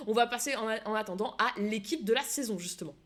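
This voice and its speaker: A woman's voice: on the high side, quick pace. Chatty woman hosting a live stream. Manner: chatty, laughing, self-correcting. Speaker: esports league show host.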